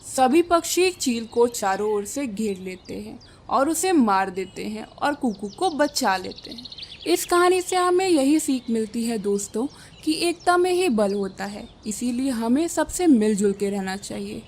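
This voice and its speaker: A woman narrating a children's cartoon story in a clear, even storytelling manner. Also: fairly high pitch, a little slow, slight background noise.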